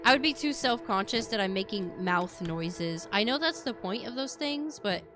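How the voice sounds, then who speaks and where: Her mid-range voice has lively intonation and a moderate pace as she streams a game and chats. She's playful and rambling, humming and scatting along, calling her voice witchy over background music.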